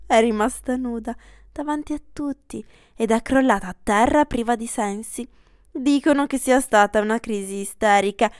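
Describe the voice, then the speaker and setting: A woman's voice: a little high, no room sound, studio quality, lightly acted. A woman voicing a prying young woman who speaks with mock concern and insinuation.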